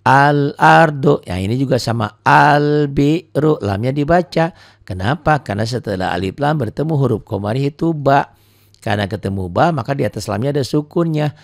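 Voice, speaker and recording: Gravelly-voiced man teaching Quran reading. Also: medium pitch, no room sound, clean studio sound. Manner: asks and answers his own questions, stretches out recited words. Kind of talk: beginner tajwid lesson.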